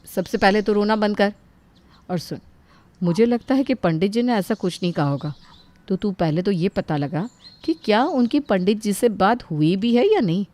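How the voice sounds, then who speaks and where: A woman voicing a young woman's crafty friend who gives calm scheming advice. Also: mid-range voice, natural voice.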